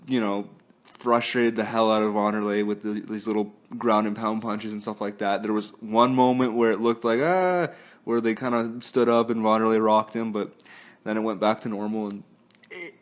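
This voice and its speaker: A man's voice: on the low side, fairly even intonation, moderate pace. A man hosting a casual sports talk podcast, chatty and easygoing, laughing often and using plenty of fillers. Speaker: podcast host.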